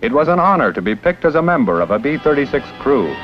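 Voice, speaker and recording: Fast and sing-song, a man's somewhat high voice narrates an old documentary in the proud, declamatory style of a scripted 1950s newsreel. The recording is a dull vintage film soundtrack with music underneath.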